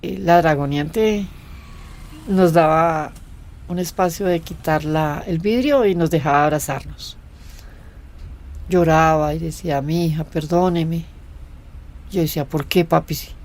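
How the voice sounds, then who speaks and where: A woman in an interview, telling her own story in a lively way and acting out what people said. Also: deep voice, a little slow, pauses often.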